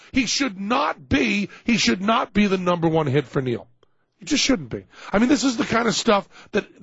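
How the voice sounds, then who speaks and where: A raspy, gravelly man with a New England accent hosts a loose radio show from his home studio, sputtering into comic outrage. The sound is dry and dull, like a lo-fi broadcast. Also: high voice, no room sound. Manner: excitable, sputtering mock outrage. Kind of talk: casual radio talk.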